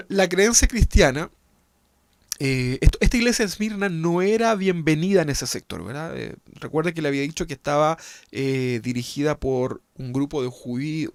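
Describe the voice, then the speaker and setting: A man's voice: mid-range voice, gravelly, no room sound. A man pastor with a Chilean accent, preaching an emphatic sermon with rhetorical tag questions. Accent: Chilean Spanish.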